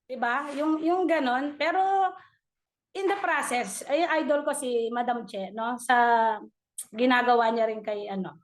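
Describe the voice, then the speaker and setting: A woman's voice: on the high side, a little slow, slight background noise. A middle-aged woman sharing her church testimony in a chatty way, laughing often and mixing in English.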